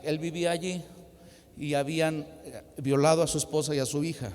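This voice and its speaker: A male pastor with a high, bright voice preaching to a youth congress. His words ring out through a large hall with a long reverb, and he moves between loud emphasis and quiet storytelling. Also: vocal fry. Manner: emphatic preaching, dropping to a hushed voice when telling a personal story. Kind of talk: sermon.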